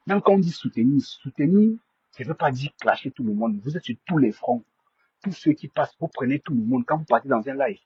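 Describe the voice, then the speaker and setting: A man's voice: medium pitch, husky, muffled recording. A man hosting a live stream, stammering and repeating himself as he defends himself to viewers. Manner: indignant, defensive.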